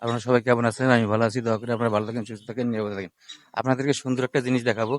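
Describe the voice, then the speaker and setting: A man's voice: mid-range voice, flat delivery, racing, dry recording. A man with a Rangpur Bengali accent, chatting to viewers in a repetitive, casual way while out in a rice paddy. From Rangpur, Bangladesh. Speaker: vlogger. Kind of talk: casual outdoor video blog.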